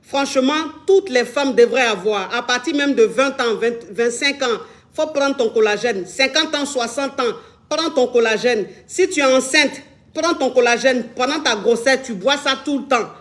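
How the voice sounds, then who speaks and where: A woman's voice: sits high, normal speed. A woman hosting a casual live stream from a phone in Dubai, chatting and repeating herself as she promotes a product and fields calls. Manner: chatty, repeats herself, addresses viewers affectionately.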